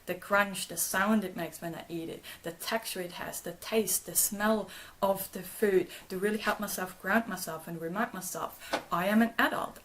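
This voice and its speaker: A gentle, reassuring woman, a trauma therapist who hosts her own channel, answers viewer comments during a live stream. Her voice is fairly low, and German is her first language. She often restarts sentences and repeats words.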